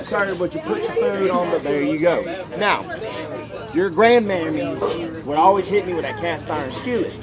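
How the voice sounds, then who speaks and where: In an improvised comic sketch, a man plays a boastful, rambling old grandpa inventor who keeps calling everyone "son" and "whippersnapper." His voice is high and sing-song at a moderate pace, and noisy crowd chatter fills the outdoor recording.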